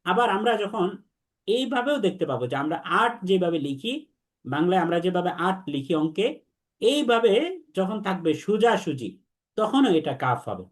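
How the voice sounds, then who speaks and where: A young man teaching Arabic letter pronunciation, repeating sounds slowly for students to echo back. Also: high-pitched, very animated. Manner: slow, repetitive drilling, has students repeat after him. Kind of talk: online lesson on Arabic letters.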